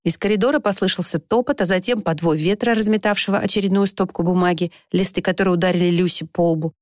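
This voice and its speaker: A woman narrating an audiobook in an expressive reading style, lifting her voice in the tense moments. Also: no echo, studio quality. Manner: expressive reading, rising pitch for the anxious heroine. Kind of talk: scripted narration.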